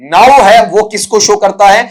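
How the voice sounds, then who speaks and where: A middle-aged male English teacher explaining exam grammar and pronunciation in Hindi, calling his students "beta", sounding words out slowly and leaning on the filler "aapka". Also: high voice. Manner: addresses students as "बच्चा" and "बेटा", spells and sounds out words slowly; filler "आपका" repeated constantly.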